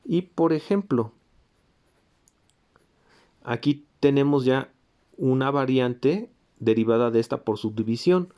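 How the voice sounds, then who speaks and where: A man's voice: medium pitch, animated, slow pace, pauses often, a little mellow. A man teaching a music theory lesson. He walks through examples and sings short rhythm syllables to demonstrate them. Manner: pointing to examples on a board. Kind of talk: recorded lecture.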